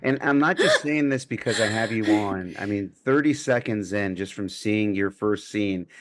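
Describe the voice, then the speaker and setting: A man's voice: lowish voice, moderate pace. A man hosting a podcast interview, upbeat and full of praise, backing his guest with many mm-hmms. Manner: upbeat, complimentary, frequent backchannels. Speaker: podcast host.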